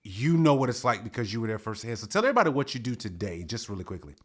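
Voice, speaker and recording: A man's voice: lowish voice, big pitch swings, very fast, fairly bright tone. A man in his forties hosting a podcast, asking long, rambling questions with many restarts. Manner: rambling, self-correcting questions. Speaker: podcast host. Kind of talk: conversational interview.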